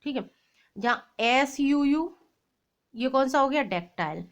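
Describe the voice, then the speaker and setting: Slow, high-voiced woman teaching exam prep. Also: lively intonation, dull audio. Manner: reads the English question slowly, then explains in quick mixed Hindi and English. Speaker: English teacher. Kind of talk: exam-prep lesson, reading out quiz questions.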